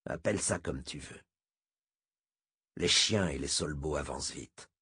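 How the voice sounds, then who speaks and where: A man voicing an old masked male mutant scout who speaks in quiet, clipped phrases. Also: a bass voice, measured pace, slightly rough, pitched below the performer's own voice, full character voice. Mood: low, terse.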